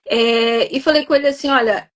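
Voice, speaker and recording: A woman nurse, a guest in a live chat, recounting a personal story in an animated, emphatic way. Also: a little high, moderate pace.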